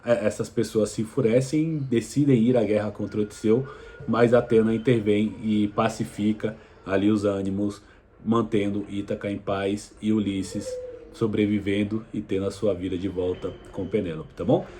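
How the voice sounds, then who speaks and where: A man's voice: fairly low pitch, moderate pace. A man hosting a history video, casually retelling an ancient story with loose, colloquial phrasing and frequent hesitations. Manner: relaxed retelling with frequent fillers and restarts; colloquial, addresses viewer directly. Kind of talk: casual educational explainer.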